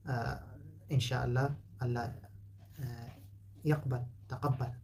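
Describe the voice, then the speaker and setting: A man whose first language is Pashto gives a relaxed spoken lesson, patiently explaining and repeating words to show how they are pronounced. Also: mid-range voice, slight background noise. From Afghanistan. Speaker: language teacher.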